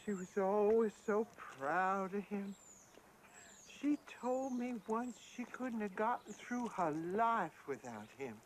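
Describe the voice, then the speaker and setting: Slow-speaking, sorrowful mother. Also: medium pitch, expressive, slight background noise, rough recording. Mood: wistful, sorrowful. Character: sorrowful, anxious widowed mother of a grown son. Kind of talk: naturalistic film drama acting.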